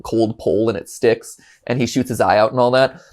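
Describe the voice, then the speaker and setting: This Ohio host, a man in his thirties, runs a laid-back reaction show and rambles with animation, full of restarts and chuckles. His medium-pitched voice is steady, brisk and a little mellow.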